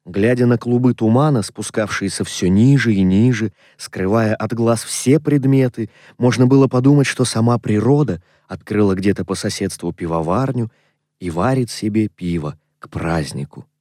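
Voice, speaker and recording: A man's voice: on the low side, dry recording. Man narrating an audiobook, dry close sound. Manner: measured, expressive storytelling. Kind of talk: scripted literary narration.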